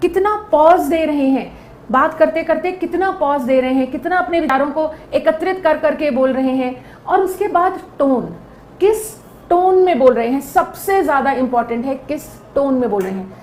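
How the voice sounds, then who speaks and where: A woman's voice: high voice, animated, normal speed, a little mellow, echoey room, slight background noise. A woman giving a lecture, explaining step by step and often checking in with her listeners. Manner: explaining with repeated check-ins. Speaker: teacher.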